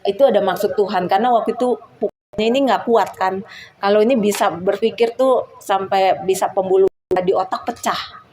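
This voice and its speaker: A woman's voice: mid-range voice, steady tone, fairly quick, darkish tone, poor audio. A woman giving a personal testimony at church, telling her story earnestly and acting out her prayers.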